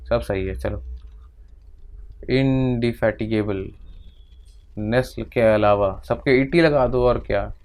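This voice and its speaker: A man's voice: medium pitch, takes it slowly, long pauses, a little mellow. A man teaching English vocabulary in Hindi, working through a vocabulary exercise aloud and murmuring word lists half to himself.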